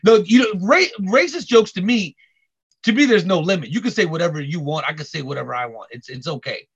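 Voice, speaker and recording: A man chatting casually on a podcast, halting with many restarts and repeated words. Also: a little high, expressive, vocal fry, a bit bright, breathy edge. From Korean heritage. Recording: dull lo-fi audio.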